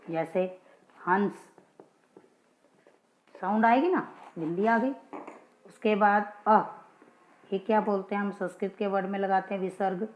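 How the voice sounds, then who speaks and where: A woman's voice: mid-range voice, normal speed, darkish tone, slight background noise. A woman teaching Hindi grammar in a casual classroom style, patiently asking questions and answering them herself. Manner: patient, checks in with listeners, asks and answers her own questions. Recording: dull lo-fi, echoey room.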